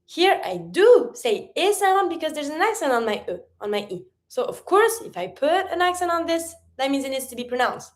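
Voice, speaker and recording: Woman, French teacher, high voice, slow careful French examples, lively English explanations. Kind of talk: online language lesson.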